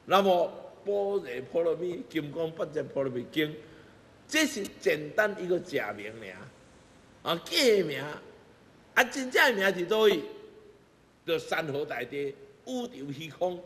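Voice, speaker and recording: Speaking unhurriedly in a slightly high, fairly bright voice with big pitch swings, a middle-aged Taiwanese-accented man preaches Buddhist teachings. As a master before a seated congregation in a temple hall, he presses his points with rhetorical questions and repetition. The hall echoes, and music sits beneath him.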